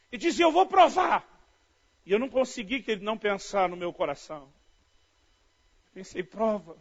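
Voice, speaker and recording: A man with a Brazilian Portuguese accent preaching a sermon in an animated storytelling manner, often calling his listeners "dear". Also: high voice. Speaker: pastor. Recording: dull lo-fi audio.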